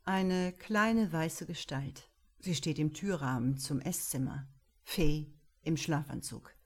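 Woman reading a story out loud, low voice, really slow and calm. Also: breathy edge. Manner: calm, measured, unhurried delivery. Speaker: audiobook narrator. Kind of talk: first-person literary reading.

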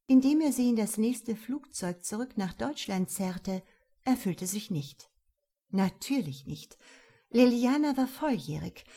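A woman reads a novel aloud with an expressive, lively delivery. Her mid-pitched voice carries a husky, breathy texture throughout. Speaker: audiobook narrator. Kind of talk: scripted narration of a novel.

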